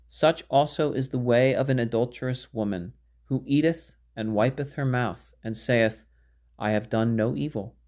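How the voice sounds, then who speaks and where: A man reading scripture aloud in a measured, solemn way, phrasing archaic verse with care. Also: medium pitch, darkish tone. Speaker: Bible reader.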